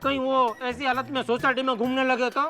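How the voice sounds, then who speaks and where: An actor voicing a flustered, panicky middle-aged shopkeeper in a cartoon, talking fast and defensively. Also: male voice, very high voice, faint music behind. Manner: excitable, defensive. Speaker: cartoon character.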